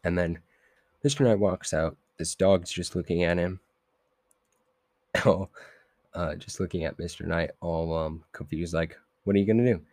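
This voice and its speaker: A man's voice: low voice, steady tone, unhurried, long pauses, darkish tone, no room sound. A young man hosting a podcast, casually recapping comic issues in a loose, rambling way full of fillers and self-corrections. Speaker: podcast host.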